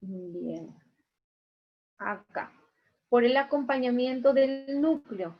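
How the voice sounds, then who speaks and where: A woman's voice: on the high side, expressive, slow pace. A woman teaching an online class, patiently repeating key points and checking in with her students. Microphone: video call. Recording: muffled video-call audio.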